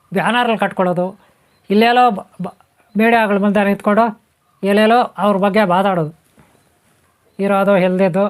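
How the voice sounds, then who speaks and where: A man's voice: high-pitched, clear, resonant tone. A man giving a spiritual talk to viewers, repeating phrases, running through lists and asking rhetorical questions. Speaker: spiritual teacher. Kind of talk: spoken talk on spiritual topics.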